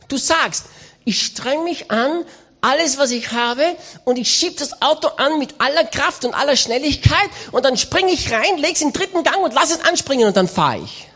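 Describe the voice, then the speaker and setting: High, lively-voiced woman preaching. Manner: emphatic, exhorting. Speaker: voice-over of a preacher's sermon. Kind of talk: sermon.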